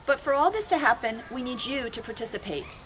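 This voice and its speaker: Woman event co-chair, fairly high voice, upbeat scripted delivery, faint noise. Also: lively intonation, fairly quick, fairly bright tone. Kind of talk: scripted announcement.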